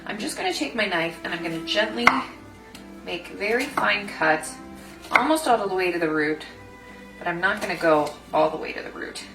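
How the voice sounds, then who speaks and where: Speaking at a moderate pace with a lowish voice and lively intonation, a woman hosts a cooking demonstration and explains the recipe one step at a time. She is a food designer and cooking host. The recording has a roomy echo, a distant microphone and background music.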